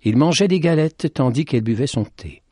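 A man narrating a storybook aloud in a slow, expressive, soft reading voice. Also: mid-range voice, husky, no room sound, clean studio sound.

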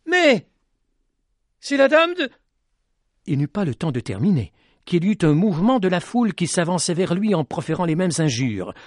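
A man narrating a tale in an expressive, dramatic reading style. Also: on the high side, brisk, dry recording, clean studio sound. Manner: dramatic, rising with tension. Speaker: storyteller.

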